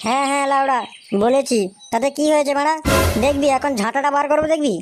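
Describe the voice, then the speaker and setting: A woman voicing a sharp-tongued, quarrelsome wife in a cartoon, scolding her husband defiantly. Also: high voice, fairly even intonation, fast talker, soft background music, close to an everyday voice. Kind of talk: cartoon voice acting.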